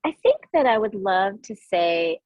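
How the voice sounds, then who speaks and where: Over a video call with no echo and the highs cut off, a woman guest speaks in a mid-range, very animated voice at an unhurried pace. She's an author and coach on a podcast, warm and casual, laughing often and using "like" a lot in this interview chat.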